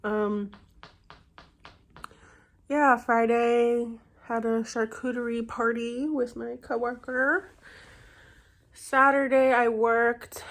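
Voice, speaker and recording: A young woman vlogging in a rambling, chatty way, with lots of fillers and self-corrections, and a congested voice. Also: a little high. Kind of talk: casual chat.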